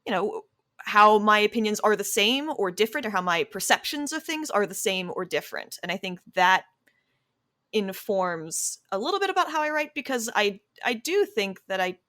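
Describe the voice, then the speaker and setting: An American woman from Delaware County chats casually in an interview, thinking aloud hesitantly and reflecting on herself. Her mid-range voice is slightly bright, captured in a dry, studio-quality recording; she's a podcast cast member who acts as both interviewee and interviewer.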